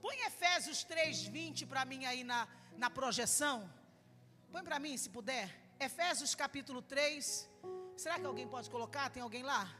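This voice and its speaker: Middle-aged Brazilian woman preacher, high and bright, fervent delivery, echoey hall with faint music. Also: expressive, unhurried. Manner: fervent, builds to shouting. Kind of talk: sermon with personal testimony.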